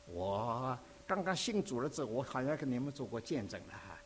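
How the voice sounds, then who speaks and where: A man delivers a sermon. He recounts his own experiences as an expressive, conversational storyteller, and his mid-range voice leaps up and down with lively intonation. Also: mid-range voice, fairly quick, a little hiss or hum. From Dinghai, Zhejiang, China. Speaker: preacher. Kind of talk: sermon with personal testimony.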